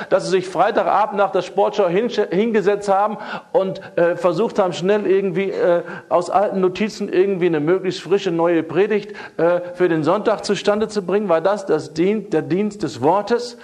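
Man preaching, high voice, emphatic, repeats key phrases. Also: a little mellow. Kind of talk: sermon.

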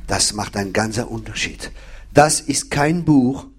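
A man's voice: medium pitch, measured pace, breathy edge. A man giving a sermon, hammering home key phrases and asking the listeners questions. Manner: emphatic, repeating key phrases, addressing the audience with questions. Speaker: preacher.

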